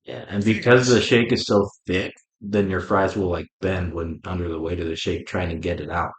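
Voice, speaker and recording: A young man co-hosting a casual chat show with friends, speaking in a relaxed, easygoing way. His voice sits a little low. The room around him is echoey. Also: normal speed. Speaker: podcast co-host.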